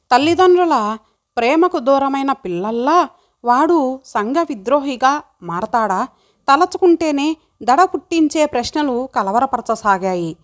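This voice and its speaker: A woman narrating an audiobook story in a measured, reflective way. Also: high voice.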